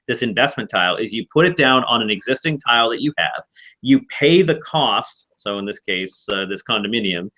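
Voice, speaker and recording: A man's voice: mid-range voice, a bit bright. A man hosting a casual online board game club, explaining rules and strategy in a rambling way with frequent restarts.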